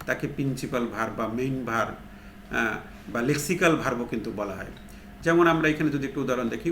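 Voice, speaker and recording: A man gives a tutorial lesson, stepping through each point and answering his own questions. His voice is of ordinary pitch for a man. The room sounds echoey, with a faint hum underneath. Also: fairly bright tone. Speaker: English teacher.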